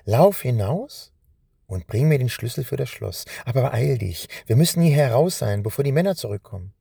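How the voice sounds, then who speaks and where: A man voicing a frightened young prince, hushed and urgent. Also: medium pitch, expressive, normal speed, vocal fry, husky, dry recording, clean studio sound. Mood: pleading. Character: young male prince, frightened but determined.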